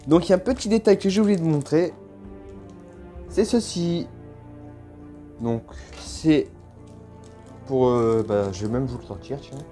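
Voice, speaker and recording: A man chats through an unboxing on his phone in a slightly higher voice. He gushes and exclaims constantly and talks in easy, slangy speech, with faint music playing underneath. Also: unhurried, pauses often, dark tone. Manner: gushing, exclaims often, lots of slang. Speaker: toy unboxing vlogger. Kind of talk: excited casual unboxing commentary.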